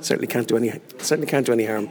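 An Irish man talks informally in a mid-pitched voice. His manner is understated and a little hesitant, like someone answering interview questions. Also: very fast, a little mellow.

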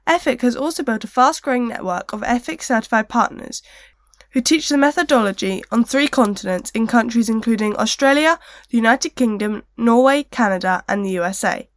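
Higher-voiced woman reading a scripted introduction. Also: brisk, no room sound, studio quality. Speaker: co-presenter introducing the guest.

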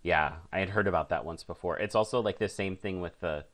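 A man co-hosting a casual chat, talking haltingly with many fillers and dry jokes. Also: low voice, a bit bright. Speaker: co-host.

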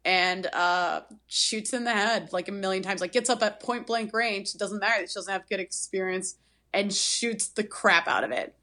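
A woman's voice: mid-range voice, moderate pace. A woman casually recapping a horror film on a podcast, rambling with lots of fillers. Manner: rambling, filler-heavy, animated retelling. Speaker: podcast co-host.

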